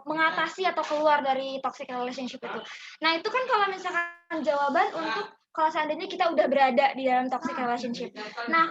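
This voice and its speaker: A woman hosting a talk show, asking a guest follow-up questions in a polite, informal way, searching for words with small fillers. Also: sits high. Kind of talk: casual interviewer questions. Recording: dull lo-fi audio with crowd behind.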